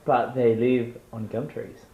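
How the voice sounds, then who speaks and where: A man's voice: mid-range voice, steady tone, slow pace. A man asking long-winded, mock-formal questions in an improvised comedy interview. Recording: roomy and dull.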